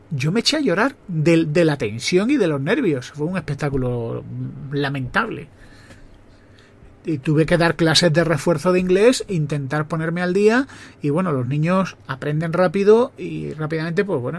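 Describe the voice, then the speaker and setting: A man with a Spain Spanish accent and a noticeably high voice for a man, hosting a podcast. He reminisces in an easygoing monologue, circling back and correcting himself mid-sentence as memories come to him. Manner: reminiscing, conversational, with self-corrections. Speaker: podcast host. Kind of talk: personal storytelling monologue.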